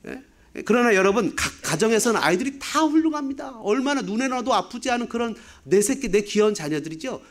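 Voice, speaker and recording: A man's voice: very high-pitched, animated, fairly quick. A man in his fifties, a pastor, preaching a sermon with rhetorical questions and humorous asides. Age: 50s.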